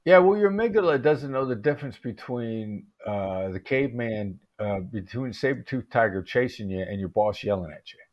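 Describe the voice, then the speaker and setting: A man as an interview guest, explaining calmly and in measured terms, with occasional restarts. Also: medium pitch, lo-fi sound. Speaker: interview guest, negotiation expert.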